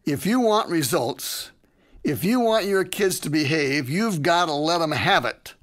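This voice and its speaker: A blunt, confrontational young man of nearly twenty, put on by a man telling the story. He comes across angry and defiant, his voice pitched a little higher than the storyteller's own plain delivery. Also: expressive, a little slow, a bit bright.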